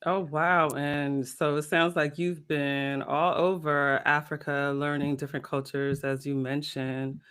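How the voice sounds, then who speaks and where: A woman's voice: low-pitched, level tone, unhurried, few pauses, a bit bright, clean tone. A woman hosting an interview, speaking earnestly and effusively about a church gala and her guest. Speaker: interview host. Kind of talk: hosted interview.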